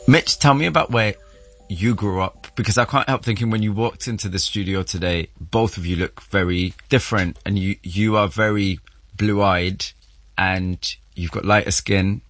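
A man hosting and narrating in a studio, with a measured storytelling delivery. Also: lowish voice, steady tone, a bit bright, faint music behind. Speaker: host and narrator. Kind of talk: scripted documentary narration and interviewing.

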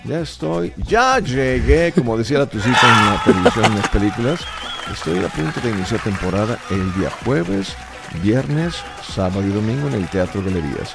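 A man's voice: mid-range voice, big pitch swings, normal speed, vocal fry, over loud music. A man in his fifties, raised in Mexico, talking emphatically and lecturing as a guest in a radio studio. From Chile, raised in Mexico. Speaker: stage hypnotist guest. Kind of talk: radio interview chat.

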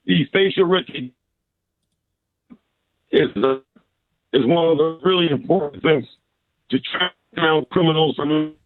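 A male radio caller talking over a phone line that keeps breaking up, speaking in a halting way with many pauses. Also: on the high side. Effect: phone call line.

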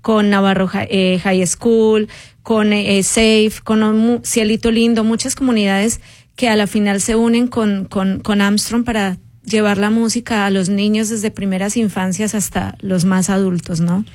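Female radio guest, clear mid-range voice, explains things patiently and plainly, dry close-mic sound. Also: medium pitch, unhurried, no room sound. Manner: informative, steady, listing programs. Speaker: guest from a music school. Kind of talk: radio interview.

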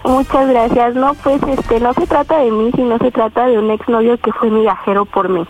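A teenage girl from Estado de México calls in to a radio show to tell the host her story, speaking hesitantly with lots of fillers and a Mexican accent. Her voice is fairly high and steady at a moderate pace, with soft background music over a tinny phone line with faint noise.

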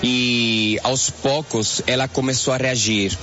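A man's voice: mid-range voice, fairly even intonation, sharp tone. Earnest man giving testimony. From Venezuela. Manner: measured, earnest, deliberate. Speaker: church member giving testimony. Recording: dull radio broadcast with faint music.

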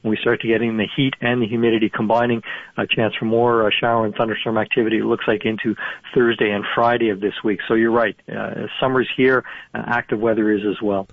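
A male meteorologist gives a quick, matter-of-fact forecast in a news soundbite. He talks fast in a low, flat voice. The clip sounds tinny and dry, like a phone line. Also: creaky, no echo.

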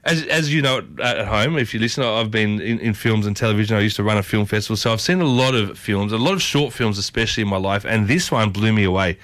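A man's voice: on the low side, quick pace, hardly any pauses, a bit bright. A man hosting a casual interview, enthusiastic and chatty, often affirming his guest. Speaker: host.

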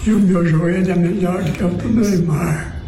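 A man's voice: high voice, steady tone, moderate pace, noisy background. A man giving a short, mocking testimonial in a video clip. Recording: echoey clip with crowd.

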